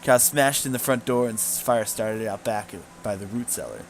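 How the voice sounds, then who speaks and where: A man voicing a bitter, grieving woman rancher who talks bluntly in rough rural grammar. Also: on the low side, normal speed, slight background noise, close to an everyday voice.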